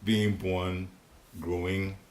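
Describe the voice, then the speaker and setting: Speaking with drawn-out words, little pitch movement, and a low pitch, an older Ghanaian man with a Ghanaian accent guides a home devotional class. His informal spiritual teaching is chatty and rambling, sprinkled with chuckles, delivered in a private living room. He is seated and recorded by a distant room recorder, so the sound is roomy with faint hiss.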